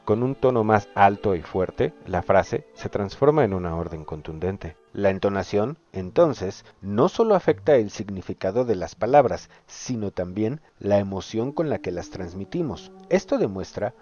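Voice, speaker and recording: Low-voiced young man narrating a lesson. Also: lively intonation, warm tone, soft background music. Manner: measured, explanatory. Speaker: student presenter. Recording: dull lo-fi voice-over.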